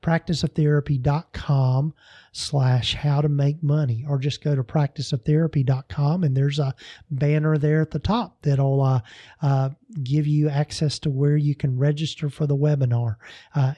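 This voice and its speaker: A man's voice: fairly high pitch, steady tone, normal speed, mellow, no echo. A man hosting a podcast, signing off in a casual, rambling way with many fillers and restarts. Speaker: podcast host.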